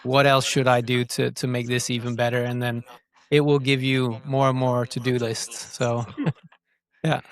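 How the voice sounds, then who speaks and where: In broken Norwegian, which is not his native tongue, a digital growth marketer talks as a podcast guest, explaining things casually and repeating words as he thinks them over. His voice is medium-pitched with a flat delivery and an unhurried pace.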